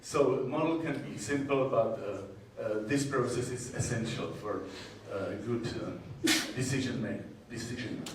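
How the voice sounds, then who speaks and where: Slow, halting Czech-accented man in echoey room. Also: mid-range voice. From Czech Republic. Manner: hesitant, halting delivery with frequent long pauses. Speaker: conference presenter, university groundwater modeler. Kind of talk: technical conference presentation. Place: indoor presentation room with strong echo. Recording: echoey hall, distant mic, faint noise.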